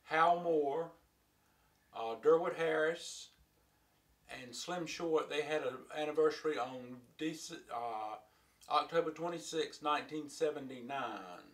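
A man, recalling the past slowly with many pauses and fillers. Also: a little high, fairly bright tone. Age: 50s. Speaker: interviewee, old friend. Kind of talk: casual reminiscing. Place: living room indoors.

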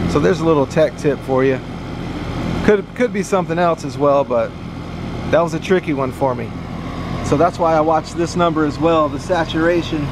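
A man whose voice sits on the high side talks through his HVAC work in a casual, chatty tutorial, laid-back as he goes. He starts outdoors beside an AC unit and later moves indoors, with background noise audible.

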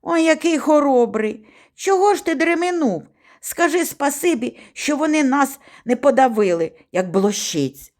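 A woman's voice: fairly high pitch, very animated, measured pace. A woman voicing a frightened, touchy village boy who calls out, snaps and pants as he crawls through a cornfield. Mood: irritated. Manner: yelling, irritable, breathless.

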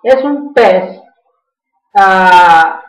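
A man's voice: sits high, lively intonation, extremely slow, fairly bright tone. A man teaching English vocabulary, repeating each word patiently and checking in with the class. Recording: echoey room, mic far off.

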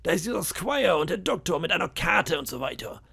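Guy doing a gravelly raspy old pirate cook, sly and bragging, kinda high and bouncy. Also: very animated, brisk, sharp tone, heavily acted. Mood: scornful. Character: boastful scheming old pirate cook, man about fifty. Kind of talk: audiobook character voice.

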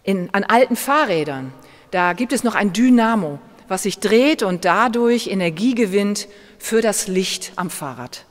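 Slow-preaching woman pastor in a reverberant church. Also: medium pitch, lively intonation. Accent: German. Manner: slow, measured preaching with gentle emphasis. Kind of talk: sermon.

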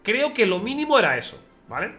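A man with a bright, high voice tells a personal story to his viewers at a quick clip. He is animated, breaking into imitated noises and voices along the way. Faint music plays behind him. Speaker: vlogger. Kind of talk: casual storytelling to camera.

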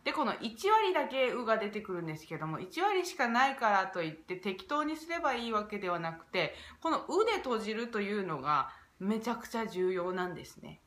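A jazz vocalist teaching pronunciation in a casual vlog lesson, stretching out vowel sounds to demonstrate them. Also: female voice, mid-range voice, fairly bright tone, roomy sound. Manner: demonstrates vowel sounds with drawn-out, exaggerated syllables.

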